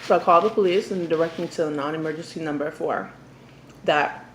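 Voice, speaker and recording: A young woman casually telling a story to the camera during an eating show, talking while she eats and pausing for bites. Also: sits low. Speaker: mukbang vlogger. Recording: echoey room with faint background noise.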